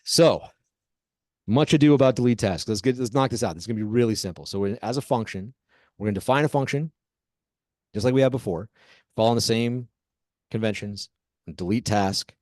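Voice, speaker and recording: A man with a fairly low voice teaches programming in a live coding lesson. He dictates code word by word, leaving deliberate pauses between the pieces. The sound is dry and close, with very little room in it. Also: a little mellow, dry recording. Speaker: programming instructor.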